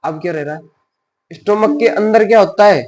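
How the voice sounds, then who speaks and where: High-voiced man teaching biology. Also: fairly quick. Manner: asks questions and answers them himself in a softer voice; mixes in English science terms. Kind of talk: biology lesson in Hindi.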